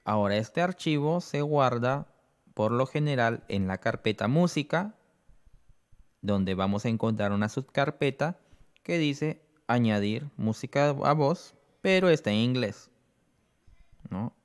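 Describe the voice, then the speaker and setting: A man presenting an app tutorial, explaining each step slowly and checking in with the listener. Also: mid-range voice, expressive, clean tone. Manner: explains slowly, often adds "¿no?".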